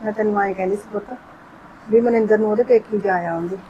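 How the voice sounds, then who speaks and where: A woman playing a kind, ailing older mother-in-law in a family short film, speaking softly and coaxingly. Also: medium pitch, steady tone, fast, lo-fi sound, a little hiss or hum, lightly acted.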